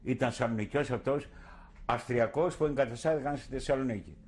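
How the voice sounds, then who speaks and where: Older man, husky, telling his story. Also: medium pitch, a little mellow. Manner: vivid storytelling, acting out his own past words. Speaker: interviewee. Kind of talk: oral history interview.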